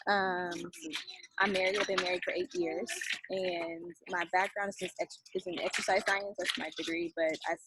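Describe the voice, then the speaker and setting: A woman in her thirties introducing herself casually, laughing a little at herself. Loud noise runs under her voice throughout the recording. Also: fairly low pitch, animated, moderate pace. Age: 30s. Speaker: guest. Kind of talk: casual chat.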